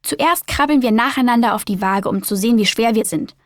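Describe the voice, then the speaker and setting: A woman's voice: on the high side, brisk, no room sound, studio quality, lightly acted. A woman voicing a cheerful, curious little girl spider in a children's story, speaking eagerly. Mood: excited. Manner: eager, bright, excited.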